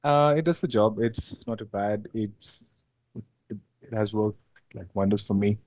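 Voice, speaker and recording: A young man from India, chatting casually as an interview guest, relaxed and hesitant with many fillers. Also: lowish voice, measured pace, dry recording, muffled recording. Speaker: interview guest, amateur drifter.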